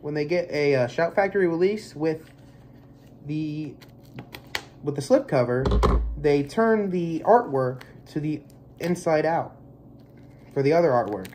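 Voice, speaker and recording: A young man in his twenties, congested from allergies, rambles easygoingly through a movie unboxing in a small bedroom, his speech full of filler. The movie collector vlogger has a fairly high, darkish voice, and the close webcam mic picks up a little hiss or hum.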